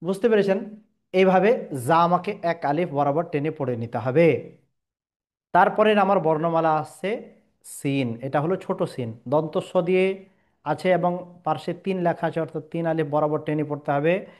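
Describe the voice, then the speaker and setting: Patient man drilling Arabic letter sounds. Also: fairly high pitch. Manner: patient, repeats each sound slowly and asks if understood. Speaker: Quran recitation teacher. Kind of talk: step-by-step pronunciation lesson.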